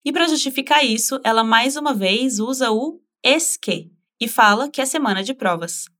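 A woman teaching a spoken language lesson, patiently modeling phrases slowly for the listener to repeat. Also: on the high side, animated, fairly bright tone.

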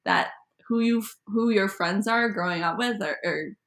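A woman's voice: mid-range voice, a little slow, fairly bright tone. Chatty young woman, a teacher from Minnesota. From Minnesota, USA. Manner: chatty, many ums and likes, laughs easily. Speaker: middle school teacher. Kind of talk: interview guest.

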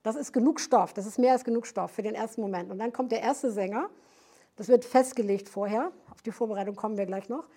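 A woman's voice: on the high side, fast, mellow, slightly rough. A woman teaching a session at a prayer house, explaining step by step and often searching for words with fillers and restarts.

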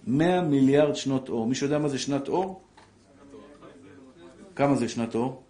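A man teaching a lively, emotional Torah lesson as a rabbi, telling stories and putting questions to his listeners. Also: mid-range voice. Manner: emotional, animated storyteller who questions the audience. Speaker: rabbi giving a Torah class. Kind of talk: lively religious lesson to a live audience.

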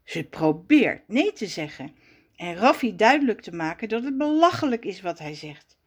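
A woman reading a children's storybook aloud with slow, expressive delivery. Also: mid-range voice, breathy edge.

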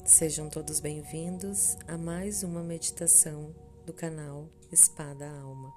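A woman with a Brazilian accent leads a scripted guided meditation, soothing and measured, with long pauses between short phrases. Her voice is deep and steady, with background music.

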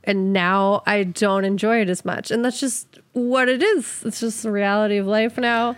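A young woman co-hosting a podcast in relaxed, agreeable casual chat. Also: medium pitch, normal speed. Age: young adult. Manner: relaxed, agreeable, brief affirmations. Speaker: podcast co-host.

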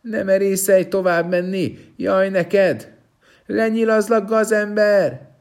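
A man shouting as jeering stone men. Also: high voice, steady tone, voice pushed up. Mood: jeering, menacing. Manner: shouting, mocking, threatening. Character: jeering, menacing male stone men of a mountainside.

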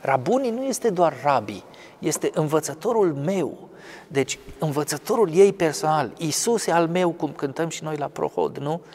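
Scholarly guy unpacking scripture, rambly w lots of uhs, gravelly voice, big echoey reverb. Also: on the high side, animated, darkish tone. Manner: scholarly, digressive, many fillers and restarts. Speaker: theologian commenting on scripture. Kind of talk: explanatory conversational commentary.

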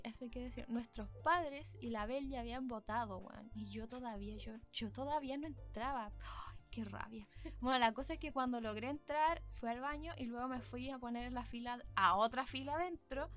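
Chatty Chilean young woman telling a story. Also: on the high side. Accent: Chilean Spanish. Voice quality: animated and playful, peppered with slang. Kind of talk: casual storytelling chat.

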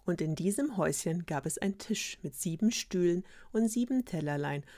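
A woman's voice: fairly low pitch, lively intonation, moderate pace, mellow, no echo, clean studio sound. A woman retelling a fairy tale casually, with ironic, slangy asides. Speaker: storyteller.

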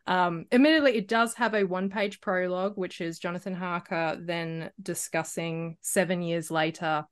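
A woman's voice: fairly low pitch, steady tone, normal speed, clear, resonant tone. Chatty woman podcast co-host. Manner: chatty, laughs often, hesitant fillers. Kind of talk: casual book chat.

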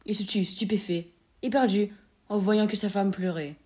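A woman narrating a classic short story in a measured, expressive reading. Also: medium pitch, husky.

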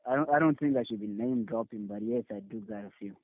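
A young Zimbabwean rapper and producer answers questions in a casual interview, laid-back and mumbling, swearing now and then. His voice is fairly low and fast, and the audio sounds tinny, like a phone.

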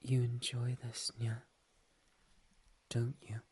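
Breathy, slow, intimate whisper. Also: mid-range voice, flat delivery. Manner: affectionate and teasing. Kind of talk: ASMR roleplay as a doting partner.

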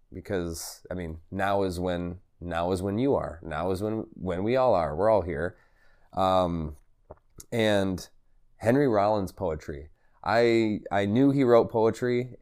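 Man, low voice, podcast host, solo vlog, halting delivery, rambling, self-correcting. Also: darkish tone, smooth. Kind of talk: solo vlog talk to camera, also a podcast. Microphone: recorded on camera for video and podcast.

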